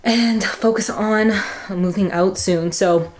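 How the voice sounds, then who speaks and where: A woman's voice: mid-range voice, takes it slowly, a little hiss or hum. A young woman from Canada chatting casually in a home vlog as a fitness coach, rambling with lots of fillers. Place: at home indoors.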